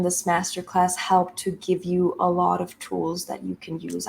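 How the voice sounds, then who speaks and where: A young adult woman, a spiritual coach, giving an emphatic, preachy masterclass talk to her listeners. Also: medium pitch.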